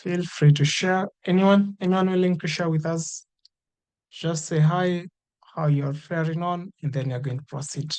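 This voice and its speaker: Over a video call, a man with a somewhat high, slightly mellow voice and fairly even intonation speaks unhurriedly. As host of an online course meeting, he invites participants to introduce themselves, encouraging them repeatedly and using many fillers.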